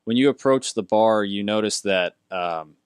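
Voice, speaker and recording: Young man, game master, low voice, smooth, dry close sound, hesitant narration with fillers. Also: normal speed, dry recording.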